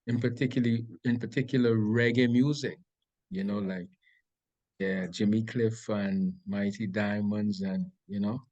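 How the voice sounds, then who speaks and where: A man's voice: lowish voice, steady tone, a little slow, darkish tone, lo-fi sound. Laid-back Bahamian man, hesitant. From Grand Bahama, Bahamas. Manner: laid-back, hesitant with many ums and restarts. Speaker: interview guest, reggae artist. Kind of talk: casual interview answers.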